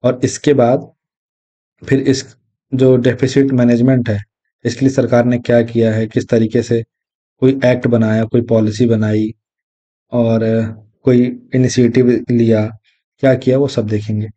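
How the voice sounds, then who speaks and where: A man teaching an exam lesson, explaining step by step and repeating key terms, reading definitions slowly. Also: medium pitch, level tone, dark tone. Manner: reads English definitions slowly. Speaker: exam tutor. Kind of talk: recorded lecture. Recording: dull lo-fi audio.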